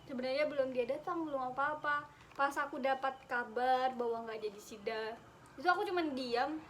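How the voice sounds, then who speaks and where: A woman's voice: high-pitched, normal speed, slight background noise. A young woman vlogger casually retelling her own story, laughing and dramatizing.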